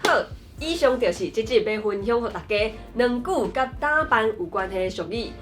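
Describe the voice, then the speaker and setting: Female lesson host, southern Taiwanese Hokkien accent, higher-pitched voice, conversational explainer delivery over light music. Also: lively intonation, moderate pace. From Tainan, Taiwan. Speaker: host of a language lesson channel. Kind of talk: scripted lesson explanation to camera.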